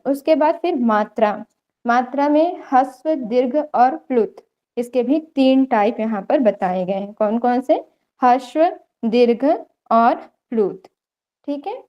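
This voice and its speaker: A young woman teaches an online yoga theory class, explaining step by step and often checking in with her students. Her voice sits high, and the recording's highs are cut off.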